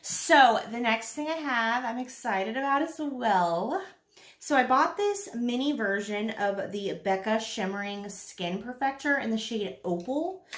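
A woman in her thirties chatting casually through a makeup tutorial as a beauty vlogger, repeating herself for emphasis. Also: on the high side. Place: small indoor room at home, seen on camera. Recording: roomy home recording with faint noise.

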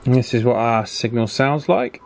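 With a mid-range, expressive voice at normal speed, an electronics hobbyist gives an informal hands-on demonstration of radio alignment, thinking aloud at an indoor workbench. Background noise from the bench comes through clearly.

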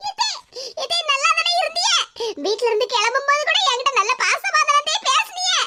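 Squeaky young daughter-in-law, tirunelveli accent, whiny and defensive, lots of hiss. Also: expressive, normal speed. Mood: pleading. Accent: Tirunelveli Tamil. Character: young village daughter-in-law, pleading and protesting. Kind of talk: cartoon voice acting. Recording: loud background hiss.

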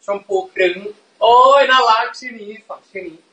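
A man's voice: high voice, a little fast, pushed and bright. A man hosting a casual live stream, playful and giggly, often breaking into laughter. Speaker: livestream host. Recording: echoey room, mic at a distance.

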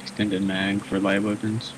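A man's voice: fairly low pitch, monotone, measured pace, heavy background noise. A man chatting casually with a friend during a shooter game, goofy and crude, laughing a lot. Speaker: gaming friend. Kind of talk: casual gaming chat.

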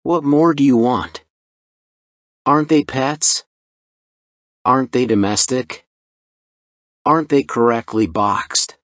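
A man voicing a furious, pompous middle-aged customer in a storybook reading, shouting indignantly. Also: mid-range voice, slow pace, long pauses, dry recording, clean studio sound, natural voice. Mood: outraged.

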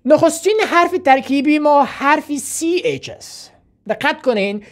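A woman with an Afghan Dari accent, an English teacher, gives a spoken language lesson in a high voice. She repeats words slowly for drilling and asks questions that she then answers herself.

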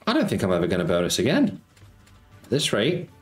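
With huge pitch swings and a brisk pace, this middle-aged Nottingham man's voice sits on the low side. As a slots streamer, he chats casually on a live stream from his indoor home streaming room, reading viewer messages aloud and greeting them with cheeky banter, in an echoey space with faint background music.

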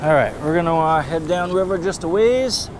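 A man's voice: on the high side, normal speed. A man with a New England accent giving upbeat play-by-play of his fishing on a river, filmed on a head-mounted camera. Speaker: fishing vlogger. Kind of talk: casual outdoor narration to camera. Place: outdoors on a rocky riverbank. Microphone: head-mounted action camera. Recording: faint river and wind noise.

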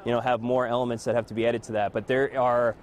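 A man's voice: mid-range voice, flat delivery, quick pace, slight background noise. A man in an indoor stadium answering interview questions hesitantly, with many fillers, as an event organizer.

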